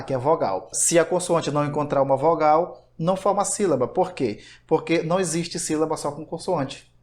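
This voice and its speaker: A man's voice: a little high, darkish tone. A man teaching a grammar lesson online, explaining step by step and asking himself rhetorical questions.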